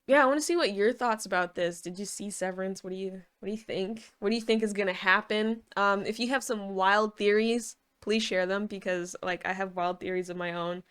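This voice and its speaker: Casual female vlogger: smooth, clear, mid-pitched, rambling and informal, hedging as she goes. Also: brisk, few pauses, a bit bright. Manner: informal, hedging, thinking aloud. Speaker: video reviewer.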